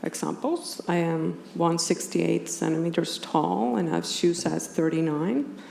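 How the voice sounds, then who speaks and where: A philosopher speaks at a conference in a lowish, slightly mellow voice, her Icelandic accent reflecting that she is a native speaker from Iceland. The lecture is measured, precise and partly scripted, given to an audience in an indoor conference room whose roomy acoustics let background noise through clearly.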